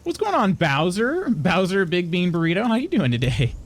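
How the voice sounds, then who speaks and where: Reading live chat aloud, a young adult streamer answers in a high-pitched voice that swings widely in pitch. He talks in a chatty, faltering way, often restarting.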